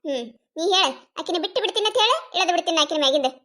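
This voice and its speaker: A woman with a North Karnataka Kannada accent voicing a loud, quarrelsome village wife in a cartoon comedy, scolding, mocking and wailing. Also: very high voice, lively intonation, rapid-fire, heavily acted.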